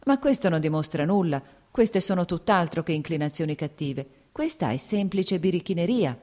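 A brooding, jealous young landowner, terse and sulky yet resolute, read by a woman. The voice stays low and dark, with none of a man's real depth. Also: animated, normal speed. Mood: offhand.

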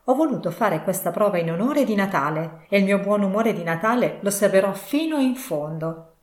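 A cheerful, patient young man, as a woman reader puts him on, pleading with good humour and rising brightly at times. The audiobook reading carries a roomy echo. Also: medium pitch, animated, normal speed, close to an everyday voice.

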